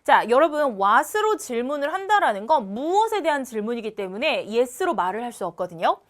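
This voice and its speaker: Her voice is fairly high and sing-song at a normal speed as this young woman leads a recorded English exam walkthrough. She works through each question with patience, drilling pronunciation by repeating words.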